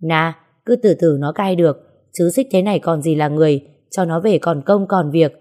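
A woman's voice: sits low, moderate pace, dark tone, natural voice. A woman voicing a brusque, dismissive man in an audio story who talks down to a young woman. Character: rough man, older brother type, dismissive.

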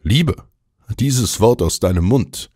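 A cold, scornful young nephew , as a male narrator plays him, sarcastic and cutting. His voice sits low and full. The sound is dry. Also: lively intonation, fairly quick, no echo.

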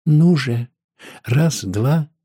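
A man's voice: mid-range voice, lively intonation, very slow, warm tone, husky, voice pushed up, exaggerated voice. A man voicing a cruel male civilian interrogator who barks curt, contemptuous orders. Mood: barking.

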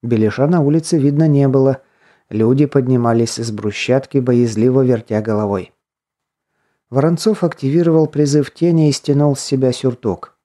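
A man narrating an audiobook fantasy novel in a steady, measured reading voice. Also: medium pitch. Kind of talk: scripted narration.

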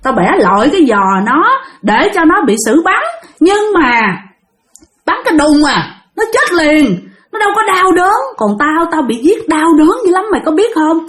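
A woman voicing the vengeful ghost of a murdered wife, shrill and ranting, then wailing. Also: sing-song, normal speed, a bit bright. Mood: furious.

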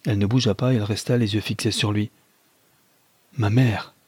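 A man narrating a classic novel in a calm, measured storytelling manner. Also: lowish voice, breathy edge, dry recording. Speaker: audiobook reader.

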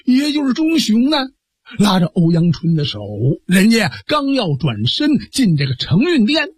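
A man performing a traditional story, dramatic and lively, with asides to listeners. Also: sits high, normal speed, breathy edge, dry recording, studio quality.

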